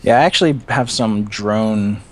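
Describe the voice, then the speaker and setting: A young man playing a game with a friend, chatting casually and swearing freely, his pitch jumping when he gets animated. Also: normal speed. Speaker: guest player. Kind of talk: casual gameplay chat.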